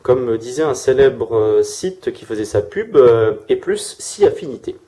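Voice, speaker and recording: A man's voice: mid-range voice, expressive, a little slow, warm tone. A man giving a casual weekly tarot reading, hesitant with many fillers and restarts, speaking through a sore throat. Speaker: tarot reader.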